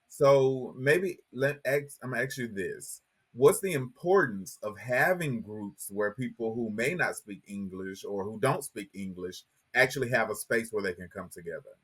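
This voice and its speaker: A man hosting a podcast interview, reading an introduction and asking questions in an upbeat, welcoming way. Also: fairly low pitch. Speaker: podcast host.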